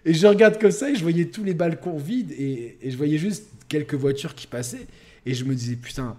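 A young man co-hosting a podcast, telling a crude story in a rambling, animated way with lots of fillers. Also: a little high, moderate pace. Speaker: podcast co-host. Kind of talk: casual storytelling chat.

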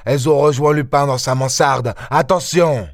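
A man voicing an impatient, gruff middle-aged police inspector who talks in an excitable, insistent way, for an audiobook. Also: medium pitch, a little slow, no room sound, clean studio sound, natural voice. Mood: agitated. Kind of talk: audiobook character voice.

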